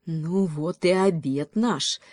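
A woman voicing grumpy, hungry crows in a fairy tale, speaking gruffly and grumbling. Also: on the low side, expressive, normal speed, darkish tone, no echo.

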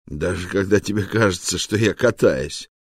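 A man's voice: low-pitched, moderate pace, husky, no echo, studio quality. A man doing a grumbling harried husband. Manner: grumbling, sarcastic. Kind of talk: audiobook character voice.

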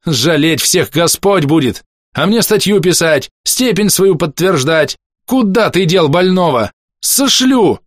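A man reading an audiobook, voicing a furious, bullying army doctor who shouts and threatens. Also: a little high, expressive, measured pace, no room sound, studio quality, pitched above the performer's own voice.

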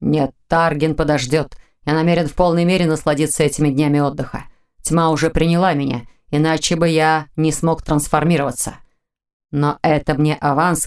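A woman voicing a male dark mage in dragon form, speaking low, growly and commanding. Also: smooth, natural voice. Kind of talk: audiobook character voicing.

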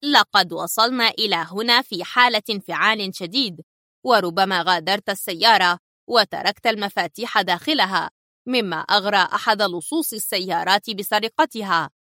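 A woman reading a storybook who voices a calm, level-headed male agent explaining things in a measured way. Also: medium pitch, dry recording, clean studio sound, close to an everyday voice.

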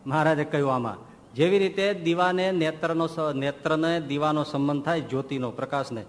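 A man tells a sermon in a folksy, animated way. His voice sits fairly high and carries a long hall reverb. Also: a little fast. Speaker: monk preacher. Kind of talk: sermon storytelling.

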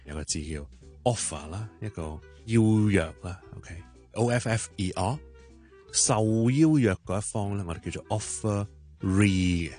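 A man hosting a short radio English lesson, explaining patiently and spelling words out letter by letter in a radio studio. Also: deep voice.

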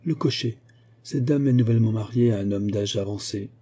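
Worldly, amused duke, voiced by the reader, dark and low, matter-of-fact. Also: male voice, brisk, husky.

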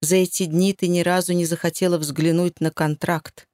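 A woman's voice: lowish voice, level tone, moderate pace, a little mellow, no echo, clean studio sound, close to an everyday voice. A woman voicing a cold, domineering male master who taunts and demands in an audiobook. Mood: scornful.

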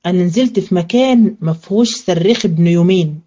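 A woman teacher with an Egyptian accent giving a religious studies lesson in colloquial Arabic, asking questions and answering them herself, and slowing to a chant when she recites verses. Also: fairly low pitch, mellow, muffled recording.

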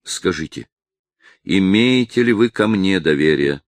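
A man voicing an old village elder who loudly pleads with and commands rebels, read in an audiobook. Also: low voice, animated, a little slow, dry recording. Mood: urging. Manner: loud impassioned pleading. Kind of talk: audiobook character reading.

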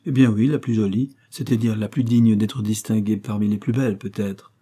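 A man reading aloud, voicing a lovestruck young gentleman who speaks in an ardent, pedantic way. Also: fairly low pitch, steady tone, moderate pace, slightly rough.

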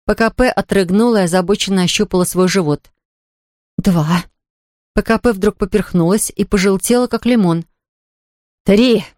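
A woman narrating a children's story aloud in a lively, expressive reading. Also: mid-range voice, fast, no echo, clean studio sound. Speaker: audiobook reader.

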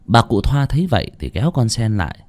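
A man narrating a horror story in a dramatic, expressive way. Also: medium pitch, fast talker.

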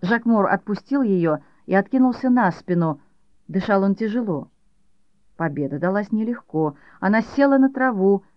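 An audiobook narrator reading a novel in a measured, even storytelling manner. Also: mid-range voice, no room sound. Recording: dull dry audiobook recording.

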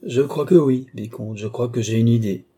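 A man's voice: mid-range voice, moderate pace, dark tone, breathy edge, close to an everyday voice. A man reading the part of a scheming old male marshal at court, with silky, ironic courtesy.

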